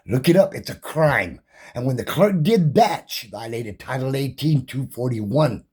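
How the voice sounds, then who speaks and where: A combative man talks on in a loose, profane rant, daring anyone to challenge him. His voice is somewhat husky and sits a bit high for a man. His pitch jumps around a great deal as he repeats himself and reels off legal codes. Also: darkish tone. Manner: combative, defiant, rattles off legal code numbers; loose, repetitive, slangy and profane. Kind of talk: impassioned monologue rant.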